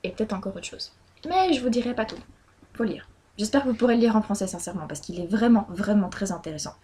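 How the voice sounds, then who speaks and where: A woman's voice: mid-range voice, animated, fast talker, warm tone, breathy edge. A woman talking casually about the books she read this month, chatty and hesitant, with many fillers and restarts. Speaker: book blogger. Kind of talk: casual monthly reading review.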